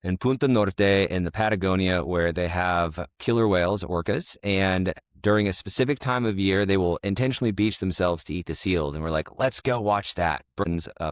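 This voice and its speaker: Deep-voiced man telling travel stories. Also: clear, resonant tone, no echo, studio quality. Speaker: podcast co-host. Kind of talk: casual storytelling chat.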